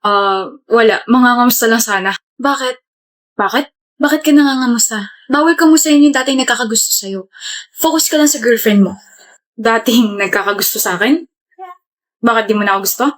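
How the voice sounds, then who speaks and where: A woman playing a bubbly, emotional young college woman in a comedy skit, with a lively, bouncy delivery. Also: on the high side, brisk, natural voice. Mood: hurt.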